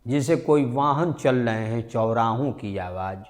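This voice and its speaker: Slow, deliberate male science teacher. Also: medium pitch. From India. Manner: slow, repetitive, stresses key numbers. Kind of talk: classroom science lecture.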